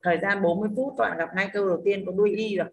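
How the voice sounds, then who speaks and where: A woman's voice: medium pitch, fairly even intonation, rapid-fire. Woman teacher explaining step by step. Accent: Northern Vietnamese. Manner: explains step by step, keeps checking with "đúng không?". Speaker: English teacher. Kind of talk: online class teaching.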